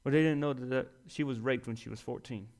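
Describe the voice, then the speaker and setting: A young man preaching a sermon in a folksy style, acting out other people's voices and building to loud, emphatic peaks. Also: mid-range voice, quick pace.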